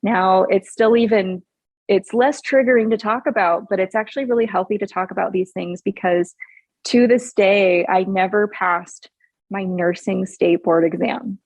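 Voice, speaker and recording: A woman's voice: medium pitch, steady tone, moderate pace, no echo. A woman in her forties from Hawaii, a podcast guest telling her story in an earnest, upbeat way with frequent laughs. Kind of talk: casual interview chat.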